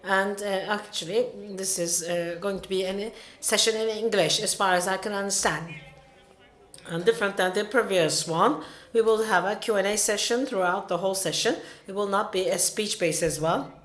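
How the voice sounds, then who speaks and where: A woman with a Turkish accent opens a conference session as moderator. Her voice sits at a middle pitch and rings with strong room echo. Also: normal speed. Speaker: panel moderator. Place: conference room, live event. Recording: echoey room sound.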